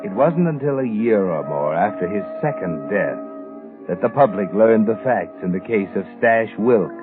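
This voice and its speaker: A man acts out an ominous American narrator of dark secrets in a 1940s radio suspense play. His lowish voice is brooding and theatrically taunting. It comes through a muffled vintage recording with music behind it. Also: close to an everyday voice. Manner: brooding, theatrical, taunting second-person address. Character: ominous male narrator who walks by night, knows dark secrets.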